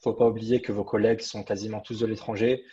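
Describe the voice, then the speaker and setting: Low flat husky man. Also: fast talker. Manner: emphatic advice with fillers. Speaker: alumnus guest. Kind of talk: video call panel discussion. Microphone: video call. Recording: dull lo-fi video call audio.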